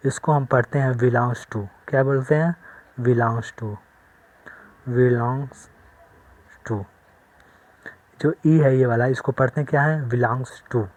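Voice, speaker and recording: A male maths teacher talks through a board lesson at an unhurried pace. He repeats each step and keeps checking that students follow along. His voice sits at a middle pitch and is recorded dry and close, with no room echo. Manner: slow, repetitive explaining with frequent check-ins.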